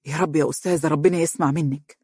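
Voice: medium pitch, fairly even intonation, rapid-fire, dark tone, husky, dry recording, clean studio sound, close to an everyday voice. A narrator doing an anxious Egyptian father. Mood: pleading. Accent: Egyptian Arabic. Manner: eager, pleading. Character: anxious older father of an accused son.

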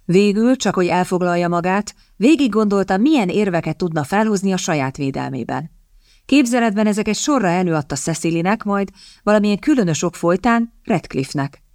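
A woman narrating an audiobook in a calm, even storytelling manner. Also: on the low side, no echo, clean studio sound. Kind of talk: scripted narration.

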